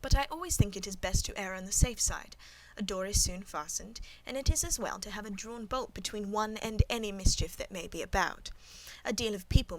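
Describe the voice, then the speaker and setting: A woman reading the part of a guarded, composed middle-aged servant woman, speaking calmly and demurely in a storybook. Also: medium pitch, slight background noise, natural voice, low-quality recording.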